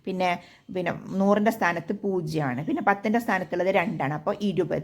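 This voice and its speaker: A woman's voice: lowish voice, fast. A woman with a Kerala Malayalam accent teaching a children's textbook maths lesson, patiently asking questions and answering them herself. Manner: asks and answers her own questions, patient.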